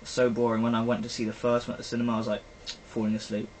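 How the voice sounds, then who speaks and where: A man's voice: medium pitch, completely flat delivery, rapid-fire, a little mellow. A young British man chatting casually and rambling about films, full of fillers. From Britain. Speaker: vlogger. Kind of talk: casual film review chat. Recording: faint background noise, poor-quality recording.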